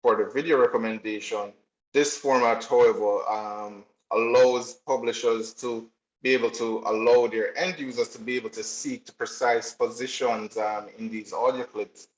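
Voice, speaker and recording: A man's voice: mid-range voice, fairly even intonation, moderate pace. A man giving a technical presentation, explaining steadily with frequent filler ums. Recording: roomy, slightly dull recording.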